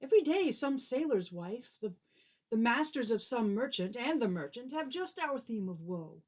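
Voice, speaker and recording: A woman's voice: a little high, big pitch swings, moderate pace, darkish tone. A woman playing an earnest, long-winded, optimistic old courtier in a Shakespearean drama, on slightly dull audio. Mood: earnest, cheerful. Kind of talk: Shakespearean stage drama performance.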